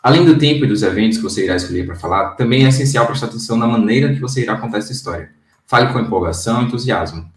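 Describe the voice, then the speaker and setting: A man in his own casual video lesson, coaching viewers on job interviews. He speaks directly and conversationally at an average pitch for a man, often pausing to check that his listeners follow. His voice sits a little back from the microphone in a roomy space. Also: animated, far from the mic. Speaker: career coach.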